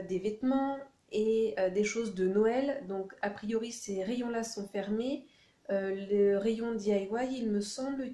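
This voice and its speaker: A woman's voice: medium pitch, warm tone. A woman chatting casually through a shopping haul video, full of hesitations and fillers. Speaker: YouTuber presenting a shopping haul.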